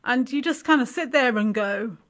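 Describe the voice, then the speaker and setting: A woman in her forties from West Yorkshire, England, with a slight Yorkshire accent, is a guest in a casual interview. Her slightly high, somewhat bright voice moves at normal speed, and her humour is wry and self-mocking.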